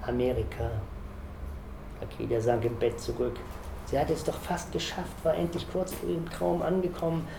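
A man reading a novel aloud in a steady, measured way, in an echoey room. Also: a little high, vocal fry, background noise. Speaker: reader.

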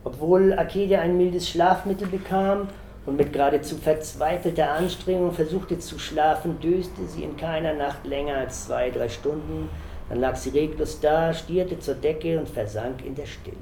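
A man reading a novel aloud in a steady, measured way, in an echoey room. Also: a little high, gravelly, a little hiss or hum. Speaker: reader.

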